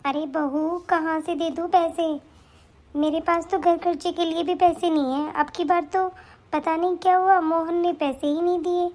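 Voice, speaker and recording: A woman voicing a middle-aged mother-in-law who complains helplessly about household money, in an animated story. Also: very high voice, normal speed. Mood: fretful.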